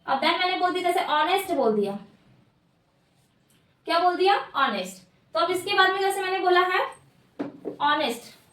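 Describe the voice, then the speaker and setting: A woman's voice: very high voice, expressive, normal speed, pauses often, fairly bright tone. A woman teaching a grammar lesson, asking questions and answering them herself and repeating key words. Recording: echoey room, mic at a distance.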